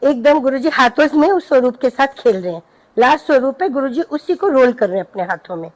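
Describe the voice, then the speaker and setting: A woman's voice: sits high, lively intonation, brisk, poor audio. A middle-aged woman speaking to a congregation, telling a personal devotional story in an earnest, anecdotal way.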